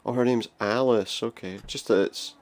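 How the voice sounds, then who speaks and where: A man's voice: mid-range voice, steady tone, normal speed. A man giving casual, wry let's play commentary, musing aloud as he goes. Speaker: game player commentator.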